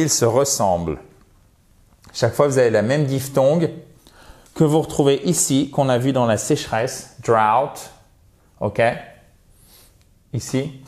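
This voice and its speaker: Slow-talking friendly French pronunciation teacher man. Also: medium pitch, a little mellow. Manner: patient, models words slowly and repeats them; friendly, lots of checking "ok?". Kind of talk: online language lesson.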